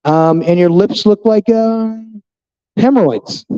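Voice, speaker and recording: This casual vlog features a fifty-year-old man ranting at viewers, swearing readily and speaking bluntly. The lo-fi recording is dull, though his tone is clean; his voice is a touch high while still dark and mellow.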